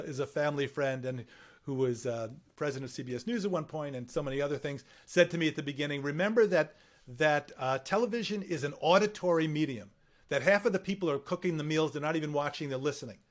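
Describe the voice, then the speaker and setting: A man in a casual conversation, a medical correspondent who tells lively stories and laughs often. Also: on the high side, a little fast. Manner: lively storyteller who acts out quoted voices.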